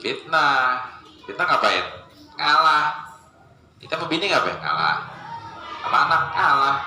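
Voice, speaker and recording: A man's voice: medium pitch, a little slow. Man, joking preacher, roomy echo, background hum. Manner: joking, animated, mimics voices in quotes. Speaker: Islamic preacher. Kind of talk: casual religious study lecture. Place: lecture space with a live gathering. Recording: echoey room with ambient noise.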